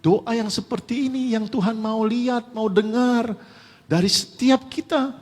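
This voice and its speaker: A man pastor delivers a sermon in a church sanctuary, talking with the congregation and asking them rhetorical questions. His voice is high-pitched and husky. It echoes with the long reverb of the hall. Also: steady tone, unhurried.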